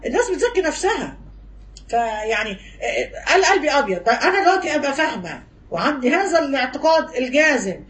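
A woman with an Egyptian Arabic accent delivers a religious lesson to women at a breakneck pace. Her voice sits high. She mimics gossipers with teasing scorn and presses her listeners with rapid rhetorical questions. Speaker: religious teacher.

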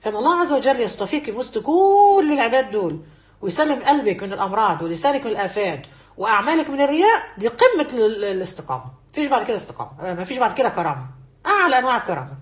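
Fast-talking Egyptian woman preaching. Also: on the high side, sing-song, echoey room. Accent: Egyptian Arabic. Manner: earnest, repeats key phrases, quotes scholars. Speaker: religious teacher. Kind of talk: religious lesson for women.

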